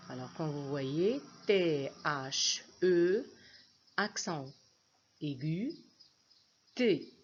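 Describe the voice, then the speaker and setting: A woman with a low, husky voice gives a phonics lesson for young children, sounding out each word letter by letter. She speaks very slowly and deliberately. The recording sounds dull and lo-fi. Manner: spells words out letter by letter, slow and deliberate. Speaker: reading teacher.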